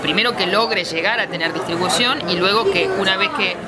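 Woman talking over a loud crowd. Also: medium pitch, fairly quick. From Argentina. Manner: thoughtful, with many restarts and repeated words. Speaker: film festival programmer. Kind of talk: interview answers. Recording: loud crowd noise behind.

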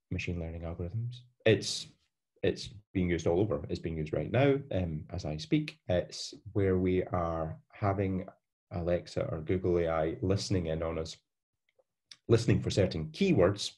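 A young man with a Scottish accent gives an online university lecture via webcam on a video call. His voice is low and somewhat dark in tone, and he is hesitant, with lots of fillers and restarts.

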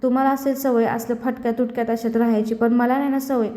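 Lady doing an entitled young guy, whiny and insulting, flat delivery, kinda dark tone. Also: on the high side, quick pace, lightly acted. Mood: resentful. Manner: scornful, insulting, whining. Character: angry young man demanding money from parents. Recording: echoey room.

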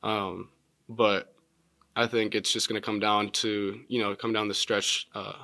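A young man in his twenties, a college basketball player, answers postgame press questions in a measured way, filling pauses with many ums. His voice sits low and stays level, with little rise or fall. The sound is dry and close, from a table mic in a press room. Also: little pitch movement, bright, forceful tone, no echo. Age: 20s. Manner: measured, many filler words. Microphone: table mic in front.

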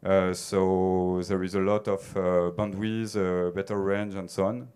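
Answering conference Q&A questions, a man with a French accent holds a mic on a theater stage. He has a smooth, clear, fairly low voice with a darkish tone and a flat delivery, stopping and restarting often with hesitant fillers.

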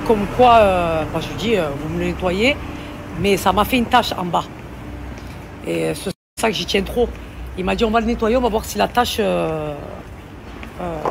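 A deep-voiced woman with a strong Marseille accent talks straight to her followers in a chatty, confiding vlog. She is outdoors on city streets, with steady traffic noise running behind her. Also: creaky. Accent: Marseille French. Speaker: vlogger. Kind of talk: casual vlog chat.

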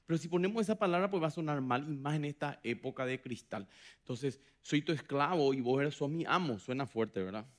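A man preaching a sermon as pastor, dramatic, acting out quoted voices with big swings from loud to hushed. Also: on the high side, expressive, fairly quick. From Paraguay. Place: church hall.

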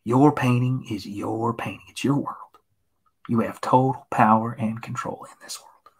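Soft-spoken husky man painting live. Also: medium pitch, steady tone, moderate pace. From Tennessee, USA. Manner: soft, gentle encouraging patter, often sliding into a hushed whisper. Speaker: artist streaming live. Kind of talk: soothing painting-show patter, live stream.

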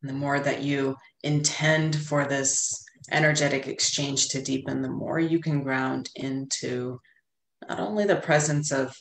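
A middle-aged woman calmly guiding a grounding meditation in a soothing, unhurried voice with long pauses, over a video call. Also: rumbling low. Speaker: meditation guide. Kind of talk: calm guided grounding meditation. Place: indoor room with plain wall, on a video call. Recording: roomy, echoey video call audio.

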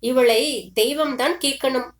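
A woman's voice: high-pitched, a little slow, roomy sound. A woman voicing a grieving middle-aged mother who pleads and complains through tears. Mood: bitter anguish. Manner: tearful, pleading, bitter complaints.

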